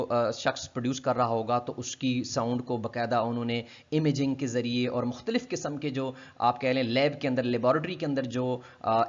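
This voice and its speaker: Man lecturing on phonetics, lo-fi sound. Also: medium pitch. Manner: explanatory, asks and answers his own questions, demonstrates sounds slowly. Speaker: linguistics lecturer. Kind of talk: explaining a textbook chapter in a recorded lecture. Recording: dull lo-fi lecture recording.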